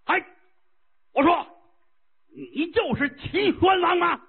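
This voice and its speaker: A man doing a hulking fanged woman, coy and shrill. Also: animated, slow pace, heavily acted. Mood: coy, loud. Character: huge ugly woman, red-haired, fanged, coy. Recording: tinny lo-fi phone-like sound.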